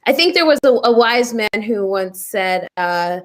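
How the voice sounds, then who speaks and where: A woman's voice: mid-range voice, animated, normal speed. A woman playing as a contestant in a comedy game over a video call, playful and laughing. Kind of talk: casual comedy banter.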